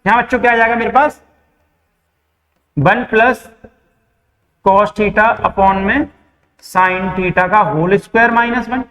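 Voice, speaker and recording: A man's voice: high voice, steady tone, takes it slowly, long pauses, bright, forceful tone. A young man teaching a math class with an Indian accent, asking the class questions and answering them himself. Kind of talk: board-exam math lesson. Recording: echoey room with long reverb.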